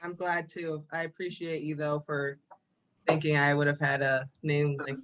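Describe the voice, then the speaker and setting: A woman's voice: deep voice, little pitch movement, normal speed, background noise. A woman co-hosting a casual live-stream chat, telling stories chattily. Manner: chatty, storytelling. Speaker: co-host. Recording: dull, lo-fi sound.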